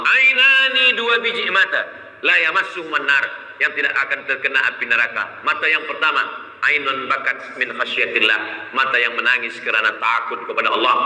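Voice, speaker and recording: A man in his forties preaching to a congregation, telling stories in an animated way and acting out dialogue. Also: medium pitch. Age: 40s. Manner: animated storytelling, acts out dialogue. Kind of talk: religious talk to a congregation. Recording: echoey hall reverb.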